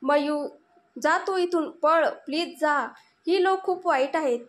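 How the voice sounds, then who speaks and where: A woman's voice: high-pitched, slow pace. A woman voicing a wounded mother who gasps out urgent, fierce words to protect her daughter. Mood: gasping pleading. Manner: urgent, gasping, pleading then fierce.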